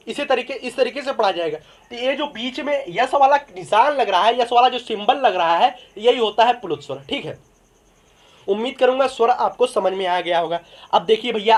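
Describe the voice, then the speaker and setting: A man teaching a grammar lesson, asking questions and answering them himself, repeating each point slowly for students. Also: extremely high pitch.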